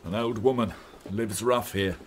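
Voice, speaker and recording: A male actor plays a blunt, world-weary British police inspector in a radio drama. The man speaks tersely in a low voice, with faint noise behind. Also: fairly even intonation, a little slow, close to an everyday voice. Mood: grim, matter-of-fact. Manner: terse, matter-of-fact.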